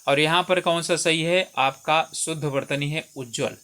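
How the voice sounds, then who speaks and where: Male exam tutor with a slightly high voice; steady step-by-step walkthrough of answers, repeats key words. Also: moderate pace. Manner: explains step by step, repeats words and says "theek hai" often.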